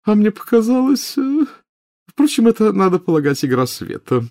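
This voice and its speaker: A man's voice: fairly high pitch, sing-song, moderate pace, darkish tone, dry recording, studio quality, voice pushed up. A man putting on a gushing, fussy old witch. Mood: nervous. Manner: fussy, doting, breathless exclamations. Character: silly gushing rich old witch woman. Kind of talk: audiobook character voice.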